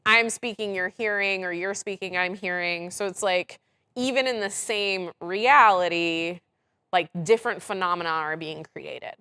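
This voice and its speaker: Direct woman host with a lowish voice, chatty filler-heavy delivery. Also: unhurried, clear, resonant tone. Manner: direct, animated, swears freely, laughs often; frequent "like" and "right?" fillers. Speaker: podcast host. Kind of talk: casual podcast conversation.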